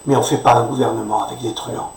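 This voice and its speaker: A man's voice: mid-range voice, flat delivery, quick pace, a little mellow, slight background noise. A man delivering an indignant, sarcastic political rant, often tagging his sentences with a questioning "hein", recorded far from the microphone in an echoey room. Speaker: commentator.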